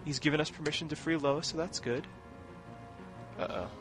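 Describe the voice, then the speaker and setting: Playing through a video game with its music and sound effects in the background, a let's player gives casual commentary laced with wry sarcasm. His voice is a little high and animated, with a moderate pace.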